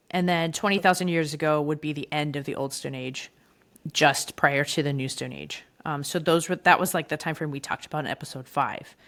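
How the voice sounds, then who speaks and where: A chatty woman co-hosting a history podcast, her voice sitting a little low. She explains the past in a loose, easygoing way, full of fillers and quick laughs, talking into a headset mic. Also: a bit bright. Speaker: podcast co-host. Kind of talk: casual history podcast chat. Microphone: headphones and remote recording setup.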